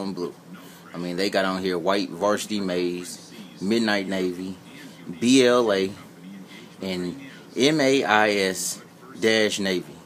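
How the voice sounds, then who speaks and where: His voice sits low as this American man from Indiana, United States, rambles, jokes and speaks colloquially as an amateur sneaker reviewer in a casual vlog chat. The recording comes from an old flip phone held behind the camera in a room at home.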